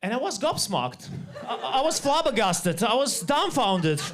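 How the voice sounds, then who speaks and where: A man in his forties from Russia with a Russian accent, doing a stand-up comedy set on a club stage, deadpan and halting with many fillers and restarts. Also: extremely high pitch, a crowd in the background. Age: 40s.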